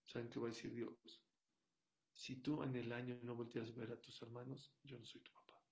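A man giving a sermon, telling a story and swinging from hushed to loud as he makes his point. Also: mid-range voice, flat delivery, moderate pace, creaky. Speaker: rabbi.

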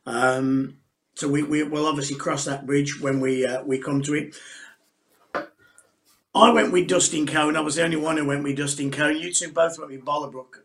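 A man co-hosting a sports podcast, leading the talk and telling lively anecdotes. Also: on the high side, normal speed. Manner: animated anecdote teller, leads the discussion. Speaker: podcast co-host. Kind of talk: casual sports chat.

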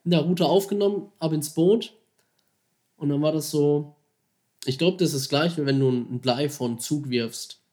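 A man casually and excitedly retelling how he caught a huge fish, slangy and animated, acting out his own thoughts and phone calls. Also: fairly high pitch, moderate pace. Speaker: angler telling a fishing story. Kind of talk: casual storytelling.

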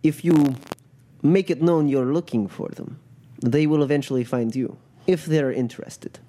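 Guy doing a proud bitter crime boss tied up in a tabletop game, mellow and dark, formal, full of scorn. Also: fairly high pitch, voice pushed up, close to an everyday voice. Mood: wary, resigned. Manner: measured, formal, disdainful phrasing.

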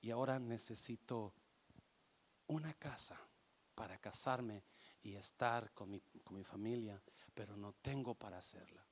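Dude voicing a tired needy man, low and quiet, kinda mopey. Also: a little slow, breathy edge. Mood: weary. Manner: low, subdued, complaining. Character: boy grown into a weary, needy man.

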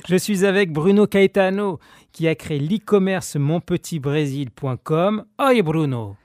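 A man hosting a local radio show, upbeat and quick to laugh while interviewing a guest. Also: on the high side, a little mellow, no room sound, clean studio sound. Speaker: radio host. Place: Paris southern suburbs.

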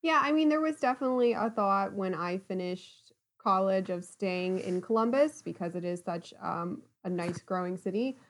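A woman's voice: medium pitch, moderate pace. A woman, a guest chatting in a casual podcast interview, friendly and laughing often. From Ohio, USA. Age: 30s.

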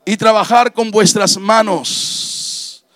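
A middle-aged pastor preaches fervently, with a strikingly high-pitched voice. He repeats his hallelujahs and pushes into shouted peaks. The sound is dry and close, with no room echo. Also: fairly even intonation, takes it slowly. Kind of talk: sermon.

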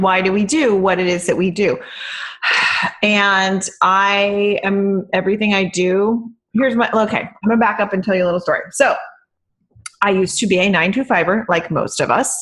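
A woman's voice: medium pitch, fairly bright tone. A woman co-hosts a casual podcast. She speaks in a sassy, emphatic way. She swears freely as she talks. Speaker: podcast co-host.

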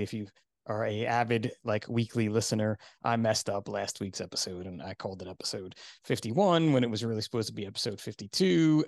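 A man's voice: mid-range voice, creaky, darkish tone, dry recording. Rambling podcast host man, dry sound. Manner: rambling, self-deprecating, laughs often. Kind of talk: casual interview chat.

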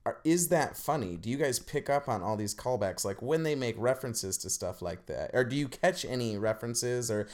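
A young man co-hosting a podcast, chatting casually in an animated, rambling way and laughing often. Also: medium pitch, brisk, few pauses. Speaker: podcast co-host. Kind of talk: casual chat.

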